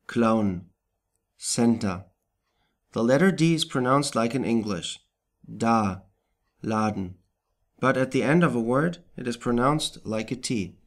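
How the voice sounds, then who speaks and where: A man narrating a pronunciation lesson in a slow, deliberate way, pausing on each example word. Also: mid-range voice. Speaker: language teacher. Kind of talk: scripted instructional narration.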